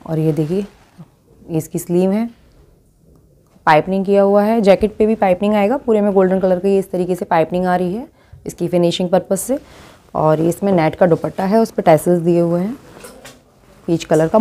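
A woman's voice: on the low side, brisk, dark tone. A woman presenting a boutique's dresses, describing each garment as she shows it, speaking. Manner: describes garments while showing them. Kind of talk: product showcase talk.

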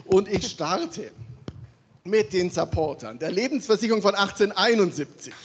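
A man's voice: high voice, moderate pace, dull audio, a little hiss or hum. A man hosting a conference opening, speaking into a handheld microphone in a large hall and calling out supporters to the audience. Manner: animated, calling out names to the audience. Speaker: conference host.

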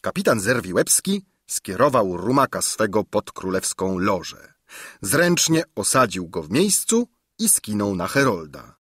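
A man narrating a storybook in a theatrical, lively reading style. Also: lowish voice, breathy edge, no room sound, studio quality. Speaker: audiobook narrator.

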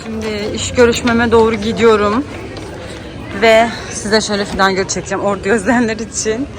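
A tired mother and vlogger vents chattily about her day to camera at home, her fairly high voice brisk and flat in delivery. The echoey indoor recording carries faint noise, including crowd sounds.

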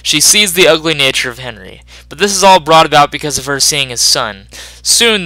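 A man reading a scripted voice-over analysis of a film in a measured, explanatory way. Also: fairly high pitch, sharp tone, clear, resonant tone, no room sound, rough recording.

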